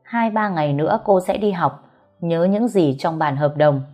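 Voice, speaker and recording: A woman's voice: lowish voice, moderate pace, a little mellow, lo-fi sound, faint music behind. Woman doing a cold, curt young master. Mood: cold commanding. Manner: curt and commanding.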